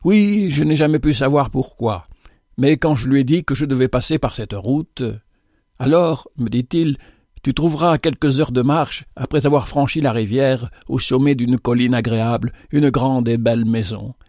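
A man's voice: medium pitch, moderate pace, a little mellow, no room sound, clean studio sound, lightly acted. A man voicing a meek, ragged beggar who tells his story earnestly and humbly.

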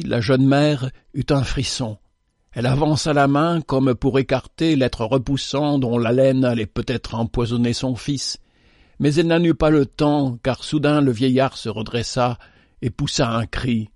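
A man narrating a story in a measured, solemn reading. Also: medium pitch, darkish tone, no room sound, clean studio sound. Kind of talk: scripted narration.

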